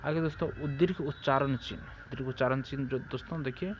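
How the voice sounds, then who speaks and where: A man's voice: medium pitch, fairly quick. Guy teaching hindi grammar, bihari accent, keeps asking then answering himself, bit of hiss behind. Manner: repetitive, asks and answers own questions, keeps addressing friends. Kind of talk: exam-prep grammar lesson.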